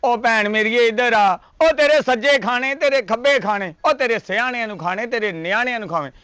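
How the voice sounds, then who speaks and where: A man's voice: extremely high pitch, brisk, clear, resonant tone, no echo. A man playing a coaxing young villager in a comedy skit, calling out. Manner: loud, wheedling calls.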